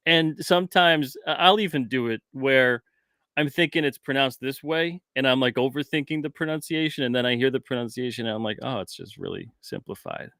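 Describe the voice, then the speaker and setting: Easygoing podcast host from New York. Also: male voice, medium pitch, a little fast, a bit bright, dry recording, clean studio sound. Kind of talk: casual podcast chat.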